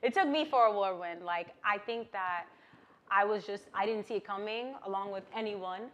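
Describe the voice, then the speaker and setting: A woman's voice: mid-range voice, normal speed, a bit bright. A woman from Queens, talking candidly and casually as an interview guest, often saying "like" and "you know". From Queens, New York, USA. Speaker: interview guest, singer-songwriter.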